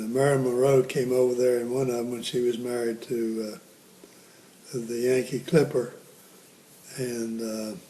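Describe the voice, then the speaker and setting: An elderly American man, a war veteran, recalling his service in a halting, reflective interview manner. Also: mid-range voice, mellow, low-quality recording. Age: 80s or older. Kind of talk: reminiscing interview talk.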